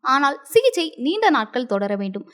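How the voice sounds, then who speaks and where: A gentle doctor reassures a worried family in a calm, soothing voice, as a woman reads the part. In this storybook telling the voice sits high and moves in lively curves. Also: normal speed.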